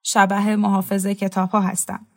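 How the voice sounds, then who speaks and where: A woman's voice: mid-range voice, level tone, close to an everyday voice. A woman reading a weary, bitter reclusive man in a storybook, giving him curt, resigned replies.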